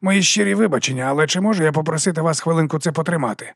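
A man's voice: on the high side, rapid-fire, gravelly, fairly bright tone, dry recording, clean studio sound, voice pushed up. A man voicing a sly, scheming male poisoner who speaks with mocking, oily politeness. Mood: mock-polite.

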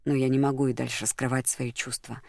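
An audiobook reader playing a gentle, earnest man in love, speaking in a soft, caring, serious tone. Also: mid-range voice, level tone, fairly quick, gravelly, dry recording, clean studio sound, close to an everyday voice. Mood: tender, earnest.

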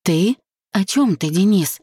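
A woman reading the part of a proud young wife who is defiant, indignant and hurt, voiced higher and louder than the narration. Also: lively intonation, unhurried, husky, no echo, studio quality. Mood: hurt, pleading. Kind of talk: audiobook reading.

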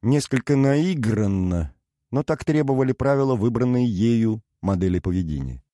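A man reading a novel aloud as an audiobook narrator, measured and even. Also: medium pitch, no room sound, studio quality.

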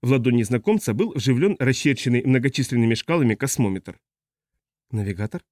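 A man reading an audiobook as narrator, measured and even. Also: medium pitch, dry recording, clean studio sound. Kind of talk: scripted narration.

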